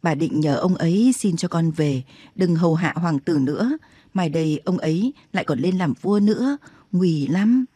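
A woman reading an audiobook, voicing a very old, wary grandmother who talks slowly and solemnly. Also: on the low side, lively intonation, warm tone, no room sound. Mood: worried. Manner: slow, measured, solemn.

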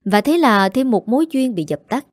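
A woman's voice: fairly high pitch, expressive, fairly quick, no room sound. Woman narrating a story, dry sound. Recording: dry, faint music behind.

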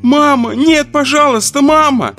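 A woman's voice: high-pitched, unhurried, a bit bright, faint music behind, pitched above the performer's own voice. A man reading an audiobook voices a terrified teenage daughter, crying and pleading for her life.

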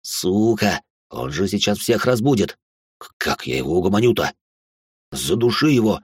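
A man's voice: lowish voice, lively intonation, moderate pace, breathy edge, dry recording. A man voicing a big, brutal male killer who hisses urgent, coarse orders. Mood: hissing urgent.

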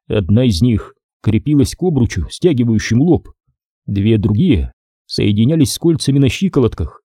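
Husky, dark-voiced male audiobook narrator. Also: medium pitch, no echo, clean studio sound. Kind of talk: scripted narration.

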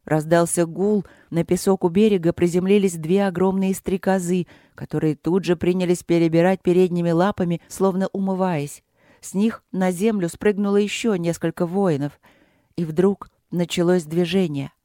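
A narrator giving a steady, measured audiobook reading from a script. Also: medium pitch, no room sound, studio quality.

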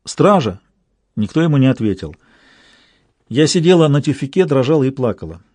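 Husky, mellow male audiobook narrator. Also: mid-range voice, sing-song, dry recording. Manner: measured storytelling. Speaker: audiobook reader. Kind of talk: scripted narration.

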